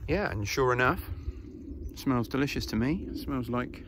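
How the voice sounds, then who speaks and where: Out on a grassy hill, a man in his thirties vlogs about foraging, filming himself on a phone held close and casually explaining things with fillers. His mid-range voice is expressive at normal speed, set against a noisy background.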